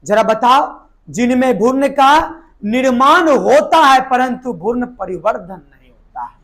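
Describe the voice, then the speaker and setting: Hoarse, high-voiced male teacher, keeps quizzing the class and answering himself. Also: animated, measured pace, fairly bright tone. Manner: asks the class questions and answers them himself, repeats key words. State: hoarse from a sore throat. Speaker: biology teacher. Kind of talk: live online exam-prep lesson.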